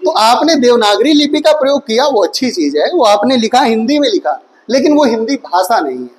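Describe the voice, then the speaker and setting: A man's voice: extremely high pitch, big pitch swings, brisk, low-quality recording. A man teaching an online exam-prep Hindi class, listing words and quizzing his students with rhetorical questions, calling them his children. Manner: addresses students fondly as children.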